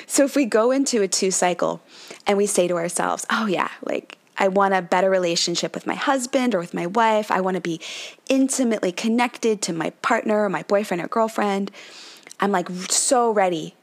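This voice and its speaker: A chatty woman hosts a spiritual podcast, laughing to herself as she talks. She leans on "like" and "right?" and drops into playful mock voices for a moment. Her pitch sits in the middle of a woman's range. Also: a little fast. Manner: chatty, laughs often, says "like" and "right?" a lot; dips into mock voices playing the number. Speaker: podcast host, numerology coach. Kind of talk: casual spiritual talk.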